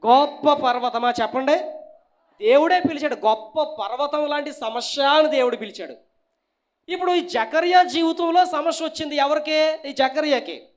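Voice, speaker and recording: A man preaching as pastor, asking the congregation questions and prompting them to answer, swinging between loud and hushed. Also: very high-pitched, normal speed. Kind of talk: sermon.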